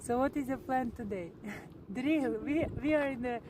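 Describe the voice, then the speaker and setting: A woman's voice: high voice, moderate pace, noisy background. A woman live streaming, chatting casually and giggling as she talks to her viewers while traveling. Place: outdoors, traveling.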